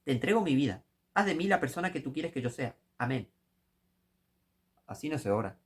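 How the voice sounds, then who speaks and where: A man with a Rioplatense Spanish accent preaching a critical sermon commentary, scolding and rising to impassioned shouts. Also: medium pitch, big pitch swings, brisk, slightly rough.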